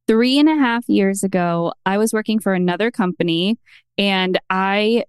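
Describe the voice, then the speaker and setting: A woman in her thirties, a podcast guest, telling her story in a chatty, animated way. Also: medium pitch, clean tone, no room sound, clean studio sound. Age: 30s. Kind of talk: casual conversational interview.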